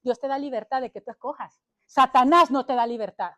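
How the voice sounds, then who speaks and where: A woman's voice: high-pitched, a little fast, a bit bright. A woman preacher delivering a fervent sermon to a church that is also streamed online, punctuating her phrases with "amén". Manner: fervent and exhorting, driving each point home. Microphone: livestreamed to social media.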